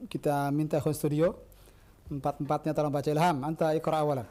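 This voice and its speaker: A man's voice: a little high, level tone, fast, mellow. A man teaching an Arabic lesson on radio, patiently correcting students with short affirmations.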